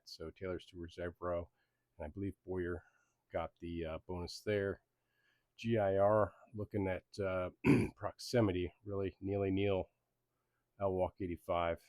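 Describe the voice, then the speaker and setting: Man, low voice, dry close sound, easygoing league host, rambling recap. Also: creaky, darkish tone, no room sound. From Belgium and Germany. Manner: easygoing, rambling, many ums. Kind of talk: casual sports league recap.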